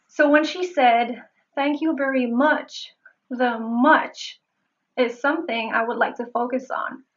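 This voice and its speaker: A woman accent coach teaches pronunciation in a high voice, slowly and carefully. She repeats single words to demonstrate each sound. The recording is slightly dull and muffled. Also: steady tone, some chatter behind. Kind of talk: pronunciation lesson.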